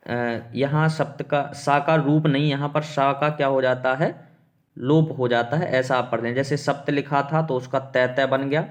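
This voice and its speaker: Guy teaching exam prep, keeps asking questions and answering them himself, calls students beta. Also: medium pitch. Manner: explains step by step with rhetorical questions.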